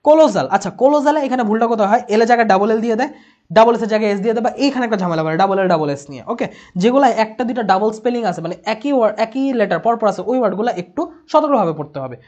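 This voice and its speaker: A young woman teaching an online exam-prep lesson, explaining quickly, repeating key words and spelling them out. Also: fairly high pitch, lively intonation, a little mellow, dull audio.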